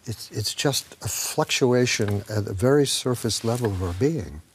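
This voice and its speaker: A man's voice: mid-range voice, lively intonation, moderate pace, slight background noise. A man, an actor, talking reflectively in an interview and telling a story with acted-out dialogue, sometimes dropping to a whisper.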